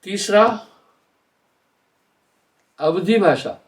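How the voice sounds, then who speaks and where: Older male spiritual teacher, high voice, deliberate explainer, mic at a distance. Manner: deliberate, explanatory, slows to spell out sounds. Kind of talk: live spiritual discourse.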